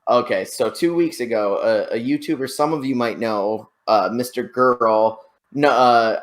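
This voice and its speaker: A man hosting a casual online debate, explaining things in a hesitant, hedging way over a computer microphone on a voice call. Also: medium pitch. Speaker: show host.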